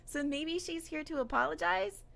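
A woman giving casual let's-play commentary on a video game, excitable and exclamatory, laughing often. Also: high voice, moderate pace, vocal fry. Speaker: gaming YouTuber.

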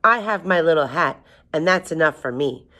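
A woman voicing a tiny old woman who is content and modest, in a storybook read-aloud, speaking gently. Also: low voice, expressive, normal speed, exaggerated voice.

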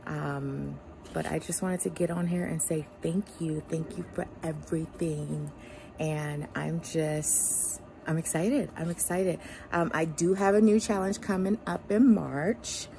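A woman's voice: low voice, fairly even intonation, unhurried, creaky, mellow, rough recording. A woman vlogger talking casually and sincerely to her followers while sitting in an ice bath. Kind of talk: casual, heartfelt talk to camera.

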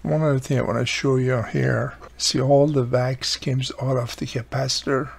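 In a noisy recording with room noise behind him, a gravelly-voiced man fixes radios at an indoor workbench and offers casual commentary. His medium-pitched delivery is flat and proceeds at a normal speed. He speaks in short remarks as he works, acting as host.

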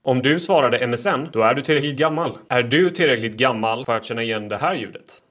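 A man talks straight to his audience in short, snappy quiz and fact clips. His voice sits in a middle pitch, and he delivers jokes and questions quickly with a deadpan edge. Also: music in the background. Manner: fast, punchy delivery with deadpan pun jokes. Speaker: TikTok creator.

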